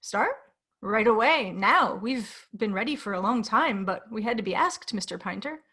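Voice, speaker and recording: Read by a woman, a courteous salesman speaks in an even, unhurried voice with a faint menace under the politeness. The tone is measured and smooth for a read-aloud story. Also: on the high side, exaggerated voice. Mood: calmly sinister.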